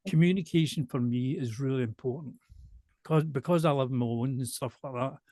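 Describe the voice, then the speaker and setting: Glaswegian man, softened accent, slow and deliberate delivery, dry close recording, mid pitch. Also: no room sound. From Glasgow, Scotland. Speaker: show presenter and singer, interviewee. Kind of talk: casual conversational interview.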